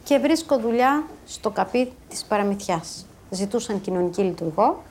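A woman in her fifties, a former social worker, telling a personal story to an audience in a lively, animated way. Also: mid-range voice, slightly rough. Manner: lively, animated, acts out quoted voices.

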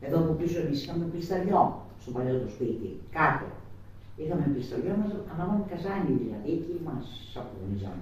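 A woman's voice: low voice, dark tone. An older woman reminiscing in a rambling way, repeating phrases and trailing off as she tells an interviewer about the past. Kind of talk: reminiscing storytelling. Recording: very echoey room, voice far from mic, faint noise.

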